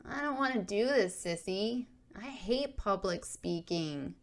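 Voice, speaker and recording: A woman's voice: mid-range voice, animated, a little slow, pitched above the performer's own voice. A woman voicing a shy, whining fifth-grade girl who hesitates over her words in a spoken memoir. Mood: whiny, reluctant.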